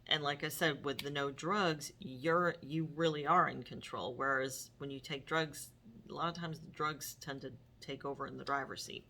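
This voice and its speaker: A woman's voice: rumbling low, steady tone, normal speed, bright, forceful tone, slight background noise. A middle-aged woman hosting her own vlog, talking casually to viewers with many fillers and restarts. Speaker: vlog host. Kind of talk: casual talk to camera.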